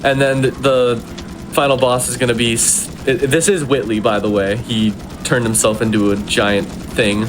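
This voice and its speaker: A man's voice: medium pitch, fairly even intonation, normal speed. A man giving casual commentary on a video game speedrun. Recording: clear game noise behind voice.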